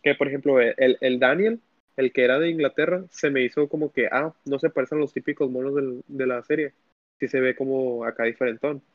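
A young man, recapping a show in casual podcast chat, rambling and restarting often. His voice sits mid-pitch. The sound is dry and dull, lo-fi. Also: fairly quick, no room sound. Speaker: podcast co-host.

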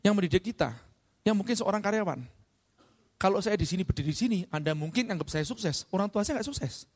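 In a large hall with long reverb, a high-voiced man from Indonesia gives a motivational talk to a live audience at an event. He speaks quickly and with lively energy, asking the audience questions.

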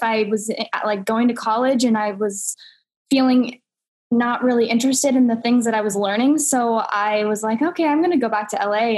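A young woman, an actress guest on a podcast, with a fairly high voice. She answers loosely and casually, filling her speech with "like" and "um". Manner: casual, many fillers like "like" and "um".

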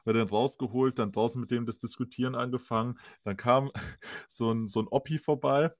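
A man's voice: mid-range voice, fairly even intonation, a little fast, dry recording, clean studio sound. A man telling an anecdote in casual podcast chat. He talks animatedly, laughs often and acts out the people he quotes. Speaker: podcast host.

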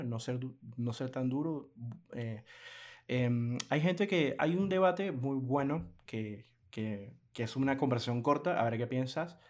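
A man co-hosting a casual podcast chat, animated and laughing often, acting out quoted clients in lively bursts. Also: medium pitch. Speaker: podcast co-host.

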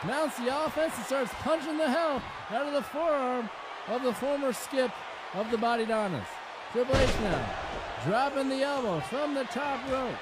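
A man doing an excited wrestling commentator, calling moves play-by-play in a punchy, emphatic, often shouting delivery. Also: very high-pitched, moderate pace. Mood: punchy, focused. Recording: very noisy, loud crowd behind. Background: loud crowd noise.

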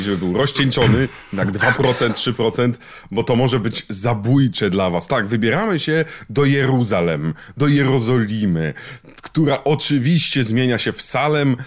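Wry man co-hosting a film podcast. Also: medium pitch. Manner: wry, ironic banter. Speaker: podcast co-host. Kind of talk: casual film podcast chat.

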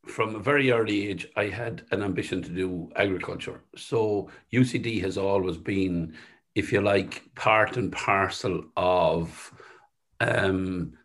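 A middle-aged man with a thick West of Ireland accent, answering interview questions modestly and haltingly, often circling back to rephrase. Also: low voice, a bit bright. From Sligo, west of Ireland. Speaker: company chief executive being interviewed.

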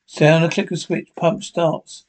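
A man's voice: a little high, little pitch movement, a little slow. A man reading a radio drama script aloud, including its stage and sound directions. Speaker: script reader.

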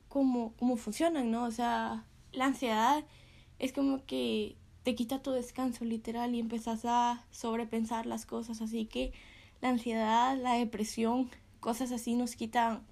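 Chatty young woman, slightly high voice. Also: darkish tone. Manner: chatty, many fillers, laughs between phrases. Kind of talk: casual devotional chat.

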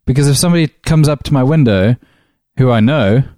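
A man's voice: medium pitch, fairly quick, mellow, dry recording, studio quality. A man co-hosting a comedy podcast, making wry observations and teasing his friends. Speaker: podcast co-host. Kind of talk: casual comedic banter.

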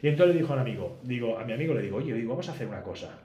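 Guy rattling off a travel story, fast and bouncy, roomy echo, faint hiss behind. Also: mid-range voice. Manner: animated storyteller, acts out dialogue. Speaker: podcast guest.

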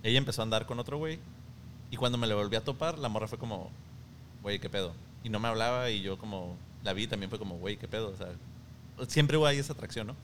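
A man's voice: fairly low pitch, fast talker, a bit bright, a little hiss or hum. Candid young Mexican man telling stories. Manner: slangy, candid storytelling. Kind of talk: casual chat.

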